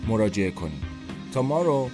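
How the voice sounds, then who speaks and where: A man's voice: on the low side, very animated, over music. A man narrating a first-person story for a podcast he writes, in a tense, introspective inner-monologue manner.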